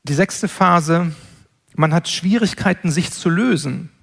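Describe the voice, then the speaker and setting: High-voiced, gravelly man lecturing earnestly. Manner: measured, earnest, with frequent word repetitions. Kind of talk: spoken lecture.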